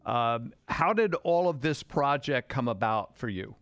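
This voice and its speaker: A man's voice: mid-range voice, animated, a little slow, fairly bright tone, clear, resonant tone, dry recording. A man hosting an interview, asking casual, conversational questions.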